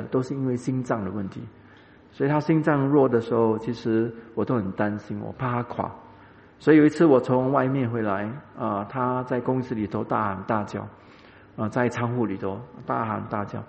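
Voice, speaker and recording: A man giving a sermon as pastor, speaking straight to the congregation and telling a personal story with many drawn-out filler sounds. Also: medium pitch, gravelly, a little mellow. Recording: echoey hall, dull lo-fi sound.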